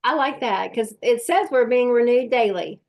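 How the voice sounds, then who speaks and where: Gravelly-voiced woman podcast host. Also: a little high, animated, normal speed. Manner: thoughtful, searching phrasing. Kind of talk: faith-based conversation.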